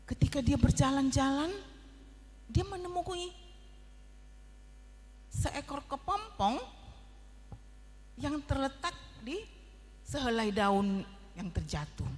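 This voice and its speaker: A woman Sunday school teacher telling a Bible story to children, animated and often speaking to them directly. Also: sits high, slow, long pauses, in a large hall. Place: church.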